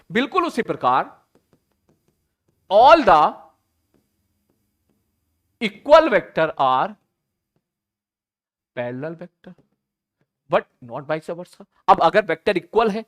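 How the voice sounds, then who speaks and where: A man teaching an online physics lesson, talking casually to students, often checking whether they follow and slowing right down to stress key sentences. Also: sits high.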